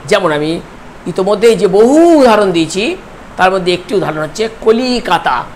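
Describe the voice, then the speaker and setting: High-voiced man teaching slowly. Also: lively intonation, a little hiss or hum. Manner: slow, deliberate, spells out syllables. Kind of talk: recorded lecture.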